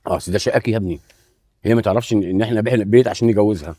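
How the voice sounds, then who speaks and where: A man's voice: lowish voice, mellow, no room sound, studio quality, lightly acted. A man with an Egyptian accent playing a kind, protective older father who speaks patiently and sometimes halts. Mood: gentle. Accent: Egyptian Arabic. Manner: patient and reassuring, halting. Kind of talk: web drama acting.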